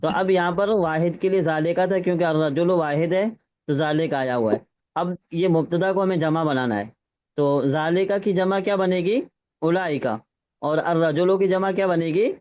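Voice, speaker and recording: Brief: male Arabic teacher, high voice, patient, slightly dull lo-fi audio. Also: a little mellow. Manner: patient, checks understanding, reads Arabic phrases slowly. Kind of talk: classroom lesson with drills.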